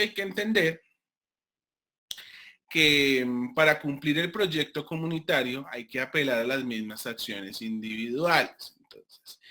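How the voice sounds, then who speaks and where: A man from Colombia with a Colombian accent, giving an online class as a lecturer, talking deliberately with many fillers and restarts. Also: a little high, bright, forceful tone. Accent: Colombian Spanish. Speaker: university lecturer.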